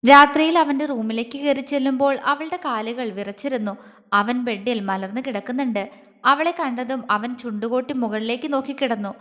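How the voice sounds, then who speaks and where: A woman narrating a romance audio series with a steady, expressive reading. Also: fairly high pitch, normal speed. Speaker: storyteller. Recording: long hall reverb.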